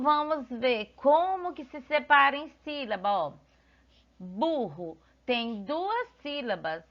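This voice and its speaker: A woman teacher talks children through a lesson at an unhurried, patient pace. Her voice sits a little high, and she keeps pointing things out with small checking fillers. The recording sounds dull and lo-fi. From Brazil.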